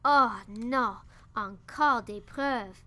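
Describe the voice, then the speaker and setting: A woman's voice: on the high side, expressive, slow pace, full character voice. A woman as a dismayed first mate. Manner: loud, dismayed. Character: worried male first mate.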